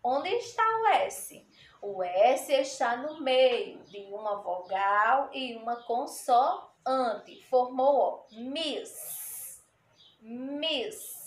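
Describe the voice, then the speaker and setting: A woman's voice: sits high, sing-song, slow pace. A woman teacher giving a spelling lesson to children, saying each word twice and explaining it patiently. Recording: echoey room.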